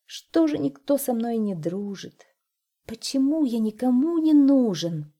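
A woman voicing a soft, lonely fog. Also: on the high side, lively intonation, unhurried, pitched above the performer's own voice. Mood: plaintive. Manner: soft, plaintive. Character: lonely, gentle fog spirit.

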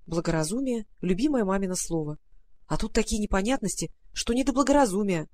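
Calm woman reading a children's story. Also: medium pitch, quick pace. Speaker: audiobook narrator. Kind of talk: scripted storybook narration.

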